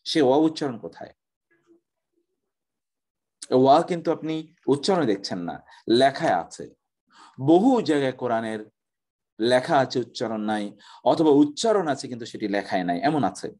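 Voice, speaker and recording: A male professor giving a classroom lecture, explaining step by step and slowly reciting Arabic words as examples. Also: a little high, big pitch swings, a little mellow.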